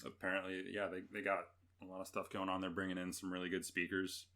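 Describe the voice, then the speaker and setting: Very deep-voiced easygoing podcast co-host. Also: male voice, completely flat delivery, quick pace, bright, forceful tone. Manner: easygoing, wry, hesitant with fillers. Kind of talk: casual chat.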